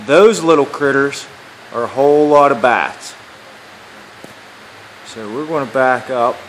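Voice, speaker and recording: A man's voice: medium pitch, unhurried, slight background noise, rough recording. A man filming himself in a large barn with a handheld phone camera, giving laid-back, joking commentary to the camera. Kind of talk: casual self-filmed commentary.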